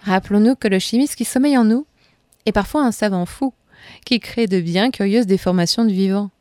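A woman host giving measured, scripted narration. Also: mid-range voice, a little mellow, soft background music. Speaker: radio host.

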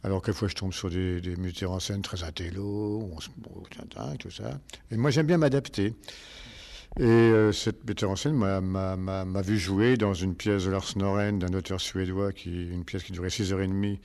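An older man, a stage actor, answering interview questions in a rambling, halting way with many restarts. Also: sits low, steady tone, darkish tone.

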